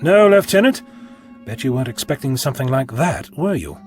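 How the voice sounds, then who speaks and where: A man's voice: mid-range voice, sing-song, fairly quick, soft background music, natural voice. A man playing an eccentric, flippant time-travelling doctor in an audio drama, theatrical and playfully sarcastic. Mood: wry, assured.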